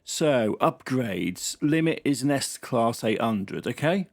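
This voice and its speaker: A man's voice: mid-range voice, expressive, slow, gravelly. Man muttering through a racing game. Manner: chatty, muttering running commentary on a race. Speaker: gaming channel host. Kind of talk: casual game commentary.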